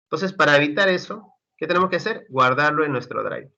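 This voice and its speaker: A man's voice: fairly high pitch, expressive, brisk, creaky, sharp tone. A man teaching a university class online, talking through his course materials in a chatty way with many fillers. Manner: conversational, addresses students as chicos, many fillers. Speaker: university lecturer. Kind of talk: online class over video call. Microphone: computer mic on a video call. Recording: dull lo-fi call audio.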